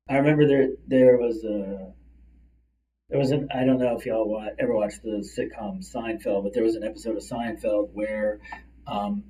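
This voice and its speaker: A middle-aged man, talking fast and chatty as a career coach hosting a livestream from his office. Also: medium pitch, mellow. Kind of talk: casual livestream coaching talk. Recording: distant mic, slightly far-off sound.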